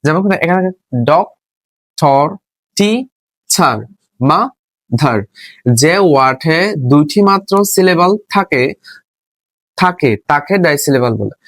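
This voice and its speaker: A man's voice: fairly high pitch, fairly bright tone, no room sound. A male teacher giving a spoken lesson. He repeats each rule, asks questions and answers them himself, and spells words out letter by letter. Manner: repetitive, asks and answers his own questions. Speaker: English teacher.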